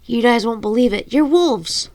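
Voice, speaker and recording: A woman voicing an excited young woman who calls out loudly to her friends. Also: a little high, moderate pace, pitched above the performer's own voice, lightly acted. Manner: loud, excited calling out.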